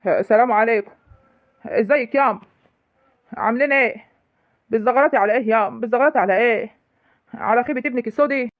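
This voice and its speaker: A performer playing a battered young rural husband in a comic village sketch, with a rural Egyptian accent, complaining fast. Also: medium pitch, dry recording, phone-quality sound, natural voice.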